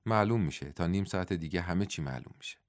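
A man's voice: deep voice, expressive, no room sound, studio quality. A man reading the part of a wounded, weary young man in a storybook, speaking in a tired, subdued way.

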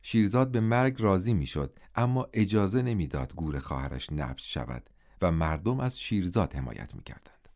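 A man reading a novel aloud as an audiobook in a low-set voice. His storytelling is measured and steady from line to line. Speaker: narrator. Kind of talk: audiobook narration.

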